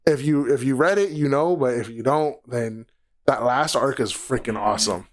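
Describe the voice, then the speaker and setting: A man's voice: mid-range voice, normal speed. A man chatting as a podcast guest, rambling and restarting sentences as he explains a show he likes. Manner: rambling, restarts often, laughs. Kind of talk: casual podcast chat about anime.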